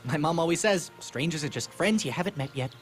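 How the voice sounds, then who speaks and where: Awkward cartoon teenage boy played by a man, self-deprecating, bumbling, very lively pitch. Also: a little fast, a little hiss or hum, lightly acted. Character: awkward, goofy teenage boy trying to seem cool. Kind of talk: animated series dialogue. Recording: background music behind dialogue.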